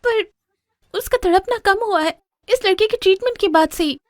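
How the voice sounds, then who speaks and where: A woman's voice: very high voice, normal speed, dry recording. An actress playing an earnest young daughter begging her father, in a dubbed drama. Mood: pleading. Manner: pleading, earnest. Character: desperate young daughter pleading. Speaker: narrator and daughter. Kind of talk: Hindi dub of a drama series.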